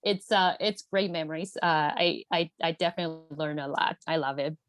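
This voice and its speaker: A woman with a deep voice speaks fairly quickly as a guest in a casual interview chat, talking earnestly with lots of fillers and repeated words. She's an MBA alumna.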